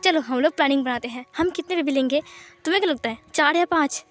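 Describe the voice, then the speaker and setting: A woman's voice: high-pitched, fast, close to an everyday voice. A woman voicing a playful young husband who coaxes and pleads. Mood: coaxing. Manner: wheedling, pleading.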